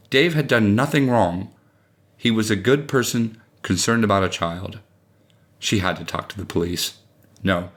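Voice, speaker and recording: Male audiobook narrator, lowish voice, steady measured storytelling.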